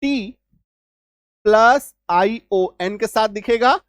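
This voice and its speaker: A male teacher explaining English spelling rules, spelling out letters slowly and often asking whether the class has understood. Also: high voice, no room sound, clean studio sound. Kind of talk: spoken spelling lesson.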